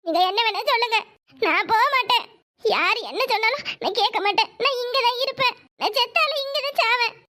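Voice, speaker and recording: A woman's voice: very high-pitched, brisk, pushed and bright. A woman voicing a stubborn, tearful young village woman in a cartoon, pleading and insisting she will not leave. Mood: defiant. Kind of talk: cartoon voice acting.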